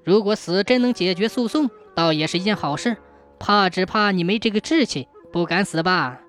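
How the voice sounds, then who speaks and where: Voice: mid-range voice, normal speed, faint music behind, lightly acted. A storyteller voicing a stern, clever old county magistrate who mocks and commands. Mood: mocking. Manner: sharp, mocking, commanding.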